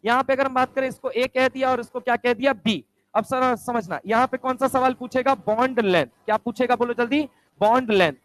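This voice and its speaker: High-voiced man drilling a chemistry class. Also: a little hiss or hum, low-quality recording. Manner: drills students with quick rhetorical questions; answers his own questions aloud. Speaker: chemistry teacher. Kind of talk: classroom lecture.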